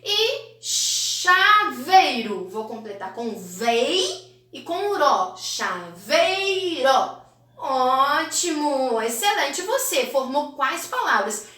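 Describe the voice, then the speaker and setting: A Brazilian woman teacher correcting exercises in a recorded class for children, slow and encouraging, in a sing-song manner. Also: high voice, sing-song, a bit bright. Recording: echoey room, mic at a distance.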